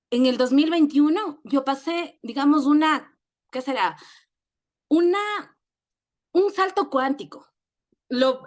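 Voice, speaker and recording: A middle-aged woman with an Ecuadorian accent telling her personal story in an emotional, earnest way, often halting and repeating words. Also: high voice. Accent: Ecuadorian Spanish. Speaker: network marketing leader. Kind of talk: personal testimony.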